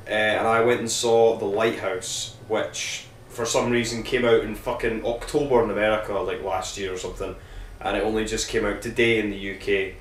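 A man's voice: lowish voice, steady tone, normal speed. A man hosting a film review podcast, rambling and swearing in a jokey, casual way. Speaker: podcast host reviewing films. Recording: echoey room with faint hiss.

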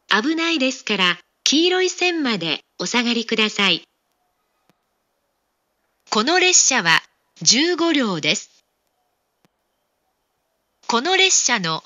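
A woman making formal, scripted train station announcements in a measured, carefully enunciated way. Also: sits high, sharp tone, no echo, highs cut off.

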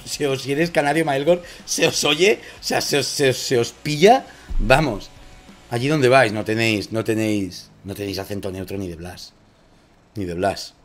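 A man's voice: mid-range voice, fairly bright tone. A man with a Spain Spanish accent, chatting casually on a live stream, rambling, joking and repeating himself.

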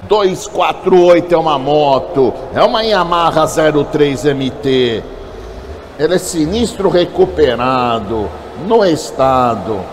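A man's voice: a little high, animated, slow pace, a little hiss or hum. A Brazilian man working as an auctioneer, chanting bids in short, repeated number phrases. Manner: repetitive bid calling, clipped number phrases.

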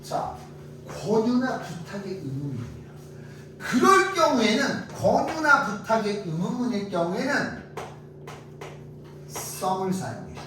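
A man teaching English grammar to a class, drilling students with quick questions and lively explanations. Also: high-pitched. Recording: echoey classroom from far off, faint noise.

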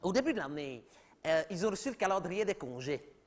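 A man gives a very animated, high-pitched and slightly fast performance as a rambling, gossipy middle-aged mother who's chatty and oblivious. It's a comedy sketch, and she keeps repeating "oui, oui" while talking over others.

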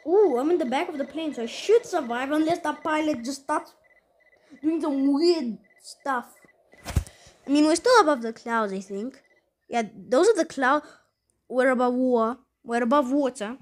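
A woman's voice: sits high, a little slow, slight background noise. A woman giving casual, rambling gameplay commentary, exasperated and talking straight to her viewers. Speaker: gaming channel host.

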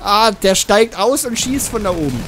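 Excitable co-player, slightly high voice with lively swings, casual chat, faint hiss behind. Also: male voice, moderate pace. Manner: excitable, yelps when things go wrong. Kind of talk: casual let's-play chatter.

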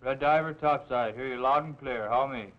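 A man's voice: medium pitch, moderate pace. A man on the surface answering a diver over a diving intercom in a training film, with clipped radio-check replies. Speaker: topside diving tender. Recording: tinny old training film sound, distant intercom.

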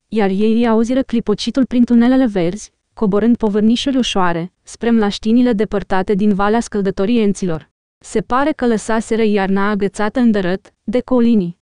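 A woman narrates an audiobook in a measured, even reading. Her voice is smooth and mellow and sits fairly high. The recording is close and dry, with no room sound. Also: no echo. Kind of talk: scripted narration.

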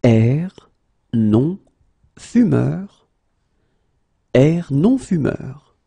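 Slow, dark-voiced French teacher man. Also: a little high, big pitch swings, gravelly, husky, dry recording. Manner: repeats each phrase, then word by word. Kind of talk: slow phrase drills for learners.

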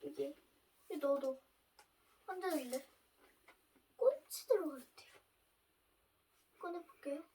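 A young girl presenting a magic show to viewers in a bright, sing-song way. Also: high-pitched, unhurried, long pauses. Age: child. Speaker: amateur magician presenting a trick. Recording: distant microphone, noticeable background noise.

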